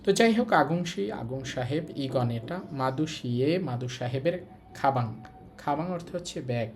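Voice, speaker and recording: A man from Bangladesh leads a language lesson at a mid-range pitch. He works through a textbook line by line, repeating each word and its meaning. Faint noise sits under his voice. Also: animated, moderate pace, a little mellow. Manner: explains step by step, repeats words and meanings. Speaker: language teacher.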